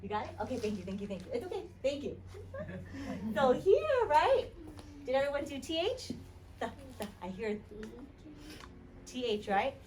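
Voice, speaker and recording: Animated high-voiced woman teaching kindergarteners. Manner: encouraging, kids show host-like prompting with repeated short instructions and questions; sounds out letters slowly and repeats them. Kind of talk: interactive classroom lesson to young children. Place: classroom, voice picked up from a distance. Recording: distant mic, noisy classroom.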